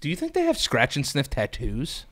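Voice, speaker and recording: A man co-hosting a casual podcast, telling stories with lots of swearing and animated delivery. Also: medium pitch, moderate pace. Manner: profane, animated storyteller. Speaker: podcast co-host. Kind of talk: casual chat.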